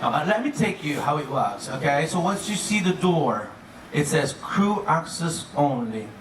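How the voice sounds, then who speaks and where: A man's voice: on the high side, big pitch swings, a little slow. A man speaking as an upbeat, playful cruise director, giving a joking live presentation to guests. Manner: chuckles often at own jokes. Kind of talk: comedic live presentation to an audience. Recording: echoey noisy room, distant mic.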